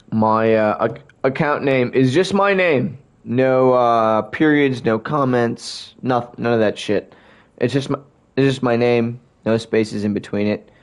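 A young man with a darkish, mid-range voice chats casually to viewers on a gaming livestream, rambling, talking to chat, and repeatedly hiccuping and burping.

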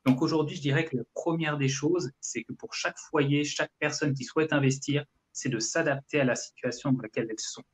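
Over a video call from an indoor room, a real estate investment coach from France, a man in his thirties, gives conversational, explanatory answers in a live interview. He speaks briskly with few pauses, in a voice on the high side with fairly even intonation.

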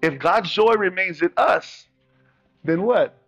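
A man from the Pacific islands preaches in a high, bright voice, full of call-and-response and playful asides. Soft music plays faintly behind him. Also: expressive, takes it slowly, dull audio. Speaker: pastor. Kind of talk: sermon.

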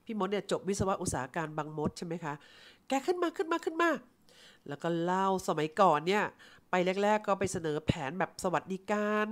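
A woman's voice: lowish voice, fairly quick. A middle-aged woman from Thailand telling a personal story and acting out both sides of the conversation. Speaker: insurance agent team leader. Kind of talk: storytelling talk.

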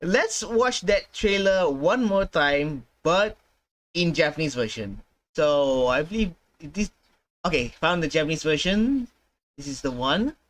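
Possibly in his thirties, a man hosting a gaming video gives casual reaction commentary, excitable and full of exclamations. His voice is a little high and his pace measured, recorded in a small indoor room with game trailer music behind him.

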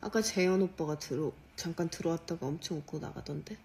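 A woman in her late twenties chatting casually on a phone livestream from a dim room at night, speaking softly and sometimes in whispers. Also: sits low, fast, vocal fry. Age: 20s. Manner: soft, quiet and relaxed, dropping to whispers. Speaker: livestream host. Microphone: phone held close.

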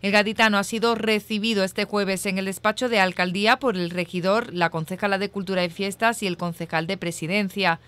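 A woman's voice: mid-range voice, steady tone, a little fast, hardly any pauses, a bit bright, clear, resonant tone. Scripted female news voice from Spain. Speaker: news reporter.

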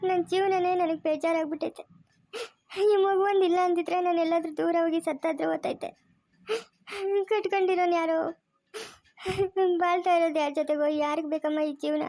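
Woman voicing a tearful village woman, high-pitched. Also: steady tone, brisk, long pauses, warm tone, no room sound, studio quality. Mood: grieving. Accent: rural Chikkaballapur Kannada. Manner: tearful, lamenting. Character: grieving young village woman. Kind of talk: cartoon family drama acting.

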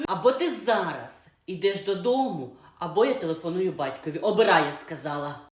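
A woman voicing a harsh, nagging stepmother who scolds loudly and gives orders. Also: animated, a little fast, lightly acted. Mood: bossy. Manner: scolding, shrill, bossy. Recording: roomy echo.

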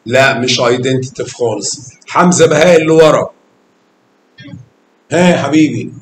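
A man's voice: mid-range voice, moderate pace, a little hiss or hum. A man with an Egyptian Arabic accent teaching math to a class of children, coaxing them with questions and calling pupils by name with endearments. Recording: echoey classroom.

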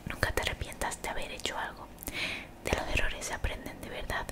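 A young woman gives soothing, motivational ASMR in a breathy whisper very close to the mic, gently repeating phrases. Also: brisk. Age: young adult. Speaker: ASMR creator. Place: small bedroom, indoors. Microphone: desktop condenser mic, very close.

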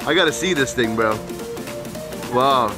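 A man's voice: mid-range voice, expressive, a little slow. A man filming a casual vlog on a handheld camera, joking around with friends. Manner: joking, laughs often, says "bro". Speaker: vlogger. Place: outdoors and in a shop. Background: music.

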